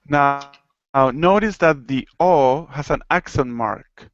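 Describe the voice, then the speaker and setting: A man's voice: mid-range voice, highs cut off, slight background noise. A man from Argentina with an Argentine accent, teaching a Spanish lesson online and explaining things patiently. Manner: patient, explains slowly, chuckles at own jokes.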